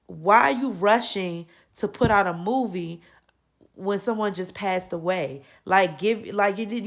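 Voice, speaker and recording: A young adult woman vlogging casually while congested from a cold, rambling with fillers and frequent self-corrections. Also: medium pitch. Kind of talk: casual opinion vlog.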